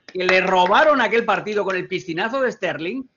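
Spanish-accent man in his thirties, fairly high voice, hesitant, wry pundit, dull call audio. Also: lively intonation, a little fast, bright, forceful tone, slight background noise. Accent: Spanish (Spain). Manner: loose, hesitant, ironic. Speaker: football analyst. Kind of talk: casual sports debate. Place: home room. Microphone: desk mic on video call.

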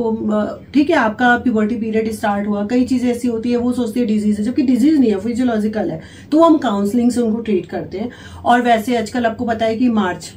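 Woman doctor, mellow warm voice, patient explaining, hesitant fillers, distant mic, faint background noise. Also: mid-range voice. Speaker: doctor and health officer. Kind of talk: interview answers.

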